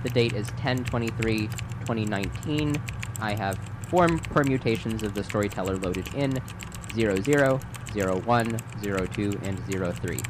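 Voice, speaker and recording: A man playing an exasperated, self-important software developer, halting and pedantic. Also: on the low side, background noise, lightly acted. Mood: businesslike, weary.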